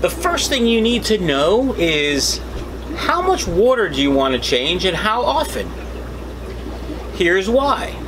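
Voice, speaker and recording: A man's voice: high-pitched, takes it slowly. A middle-aged man hosting a debunking vlog in a casual, opinionated way, explaining informally to the camera. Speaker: host of a fishkeeping channel. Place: small indoor fish room full of tanks. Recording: steady background hum and noise.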